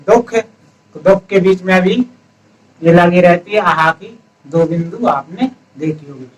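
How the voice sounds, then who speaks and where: Male teacher with a high voice, recorded from a distance from the mic; explains slowly and quizzes the class. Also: a bit bright. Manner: explains step by step, asks the students questions and answers them himself. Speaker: Hindi grammar teacher. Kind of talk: classroom-style lesson.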